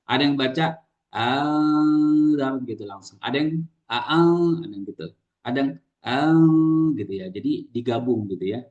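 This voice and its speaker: Male lecturer from Indonesia, mid-pitched, chatty explainer full of fillers, on dull lo-fi audio. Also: quick pace, a little mellow. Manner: explains with many fillers and tag questions. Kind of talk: casual classroom lecture.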